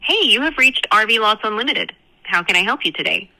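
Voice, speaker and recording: A synthetic woman's voice with medium pitch talks briskly and expressively as a phone receptionist handling a booking call. She uses polite, scripted customer-service phrasing and is heard through a phone on speakerphone, so the audio is poor.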